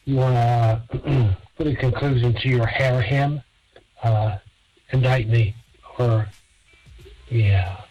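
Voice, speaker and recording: A man's voice: mid-range voice, steady tone, slow pace, pauses often, dull audio, slight background noise. A man leaving a rambling, awkwardly flirtatious phone voicemail, played back. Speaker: voicemail caller.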